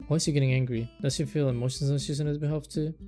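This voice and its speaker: A man's voice: on the high side, steady tone, fast, mellow, faint music behind. A man casually playing and reading a visual novel aloud, chatty, with amused asides and frequent self-corrections. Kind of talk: casual let's-play commentary and reading.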